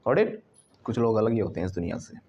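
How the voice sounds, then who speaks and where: A man's voice: on the low side, lively intonation, gravelly, dark tone. Male teacher drilling pronunciation. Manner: drills pronunciation by repeating words slowly; prompts the student to repeat, with frequent "right?" checks. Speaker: English teacher. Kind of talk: bilingual classroom lesson. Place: classroom.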